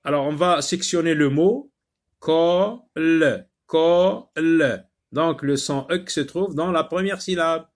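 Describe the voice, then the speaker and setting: A man's voice: on the high side, fairly even intonation, normal speed, hardly any pauses. A man teaching a phonics lesson to young learners, patient and repetitive, sounding out words syllable by syllable with frequent filler sounds.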